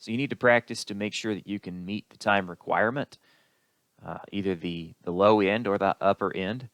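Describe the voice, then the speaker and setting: A man giving a recorded lecture as an instructor, explaining in an unhurried way with the odd filler. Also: lowish voice, a bit bright, no echo.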